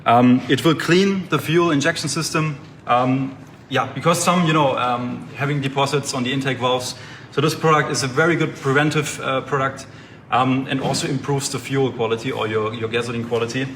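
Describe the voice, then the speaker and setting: A man's voice: mid-range voice, steady tone, moderate pace, a bit bright, a little hiss or hum. A man representing an oil company, explaining a product with a hesitant, um-filled delivery. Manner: explanatory, hesitant with many ums.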